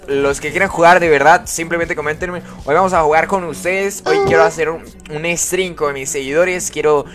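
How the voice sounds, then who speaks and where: A man with a slightly high, fairly bright voice hosts a relaxed live game stream. He's chatty, calling out viewers by name and reading their chat messages aloud.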